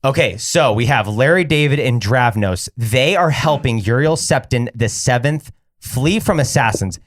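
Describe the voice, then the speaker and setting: A man co-hosting a casual podcast chat about a video game, animated, laughing often and jumping in over the others. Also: medium pitch, moderate pace, dry recording, studio quality. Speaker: podcast co-host.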